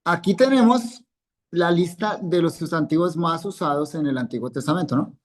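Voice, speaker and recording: A man's voice: on the high side, moderate pace. A male Hebrew teacher, giving a live classroom lesson and patiently quizzing students by name, repeating each word. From Colombia.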